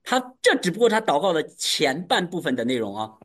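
A man preaching to his congregation, telling a personal testimony with animated, emphatic storytelling. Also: a little high, a little fast, slightly rough. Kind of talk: testimony sermon.

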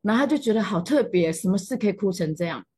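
A woman with a Taiwanese Mandarin accent, middle-aged; breathy, husky tone, emotional testimony storytelling. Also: medium pitch, animated, quick pace, a little mellow. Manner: emotional storytelling, voice jumping up at moving moments. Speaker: church testimony speaker. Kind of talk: personal faith testimony.

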